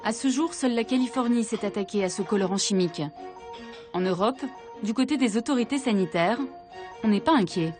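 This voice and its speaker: A woman's voice: fairly high pitch, brisk. A woman journalist narrating a documentary voice-over in an earnest, searching way. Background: background music.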